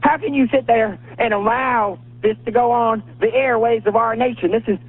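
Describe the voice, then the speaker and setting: A man's voice: very high voice, steady tone, normal speed, dry recording. A man calling in to a radio show, ranting in a preachy, indignant tone and stammering over his words. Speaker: caller. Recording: tinny phone line on radio.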